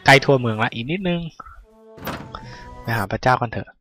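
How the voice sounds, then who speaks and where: A man giving casual let's-play commentary on a video game, excitable and full of sudden exclamations. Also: mid-range voice, fairly quick, soft background music. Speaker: gaming caster.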